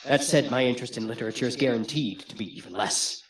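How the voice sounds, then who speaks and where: A man hosting a let's play, reading the game's text aloud in an expressive way. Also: medium pitch, fast talker. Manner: expressive, often laughing between lines.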